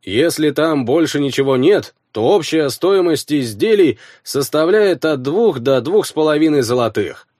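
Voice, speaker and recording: Appraiser, male reader, slow, formal, businesslike, dry close sound. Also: a little high, animated, a little mellow, dry recording, pitched above the performer's own voice.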